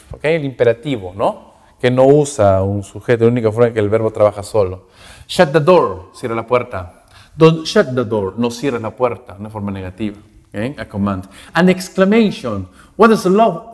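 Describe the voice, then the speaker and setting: English teacher guy lecturing, lively up-and-down voice, keeps asking "¿ok?", echoey hall. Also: mid-range voice. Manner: explains in Spanish with English examples, tags phrases with "¿no?" and "¿ok?". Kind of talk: recorded class lecture.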